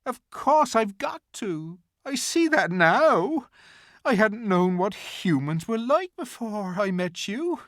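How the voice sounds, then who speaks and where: Timid gentle male faun for a storybook reading, high, tearful and drawn-out, voiced by the narrator. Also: very animated, no room sound, clean studio sound. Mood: anxious, earnest. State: crying. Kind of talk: audiobook character voice.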